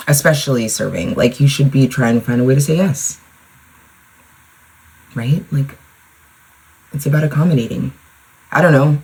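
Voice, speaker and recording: Speaking into a low-quality recording, a young woman who is a mother runs her own podcast from home in front of a mirror. Her bass voice is a little mellow and slightly rough, and she chats casually on her own, rambling, saying "like" constantly, and swearing now and then.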